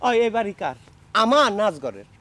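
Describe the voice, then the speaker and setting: A man's voice: high-pitched, wildly swooping pitch, a little fast, bright, forceful tone, heavily acted. An actor playing a middle-aged, belligerent drunk village father in a comic TV drama, ranting sarcastically in a rural Bangladeshi accent.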